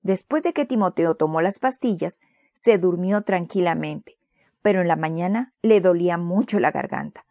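A woman's voice: fairly low pitch, expressive, normal speed, darkish tone, dry recording. Woman reading a children's story, dry sound. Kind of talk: children's story read aloud.

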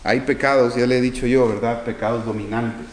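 A man preaching a Bible teaching sermon, reading verses slowly and then asking and answering his own questions. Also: medium pitch. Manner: animated, swinging from loud to hushed.

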